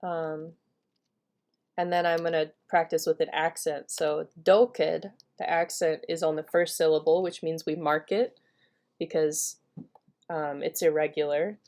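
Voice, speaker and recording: A woman with a low-pitched voice records a step-by-step computer tutorial. She sounds upbeat and talks casually, with fillers between steps, into a desktop mic. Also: flat delivery, unhurried, darkish tone. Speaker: language teacher giving a software tutorial.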